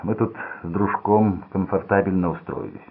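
A man's voice: sits low, moderate pace, creaky, slightly rough, full character voice. A man voicing a lazy, greedy gangster who drawls with boredom and gloats over a lucky break. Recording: tinny phone-like sound.

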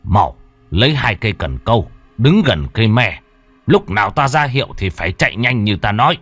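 A man voicing a stern old male Taoist exorcist, speaking gruffly and commanding. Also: lowish voice, big pitch swings, moderate pace, a bit bright, dry recording, faint music behind.

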